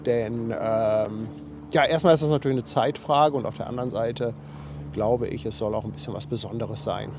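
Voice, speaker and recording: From a harbour riverbank, a livestream host with a slightly runny nose from a cold chats easily and reads viewer messages, often at his own expense. He speaks at normal speed in a mid-range voice with fairly even intonation, against a noisy background.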